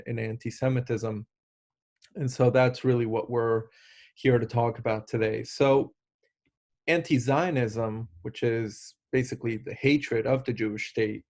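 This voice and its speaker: A man's voice: mid-range voice, a little mellow. A man in his thirties from Argentina, giving an online lecture in an earnest way with many fillers and restarts. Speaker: instructor.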